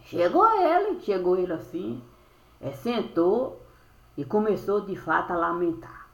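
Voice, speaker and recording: A woman telling a spiritual story as a monologue, in rhyming, sing-song phrases that end on drawn-out verbs, recorded on a webcam. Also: on the low side, animated, fairly bright tone. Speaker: storyteller recounting a spiritual experience. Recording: echoey room.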